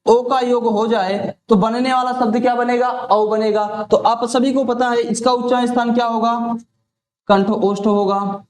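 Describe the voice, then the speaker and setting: Male tutor, very high pitch, question-and-answer drilling style, roomy echo. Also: little pitch movement, a little slow, slight background noise. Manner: asks a question, then answers it himself. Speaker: teacher. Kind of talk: exam-prep lesson. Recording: echoey room.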